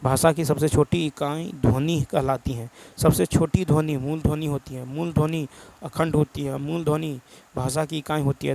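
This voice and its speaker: A man from India running an exam-prep lesson, working through the answers one by one. His voice is gravelly and mellow and sits a little high, and his delivery is brisk, with long lists of examples. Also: poor audio. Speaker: teacher.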